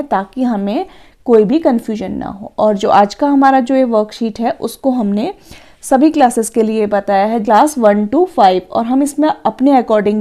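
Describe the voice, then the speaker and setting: Woman teacher going thru a worksheet slow and patient, kinda high, mellow tone. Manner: slow, patient, explains step by step. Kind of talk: explaining a worksheet.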